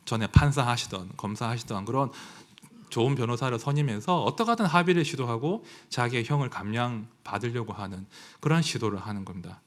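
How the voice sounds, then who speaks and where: A man preaching a sermon as pastor, emotional and conversational, dropping to hushed asides and rising to outcries, reading scripture aloud in a louder formal voice. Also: mid-range voice. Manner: conversational, asks the congregation for agreement.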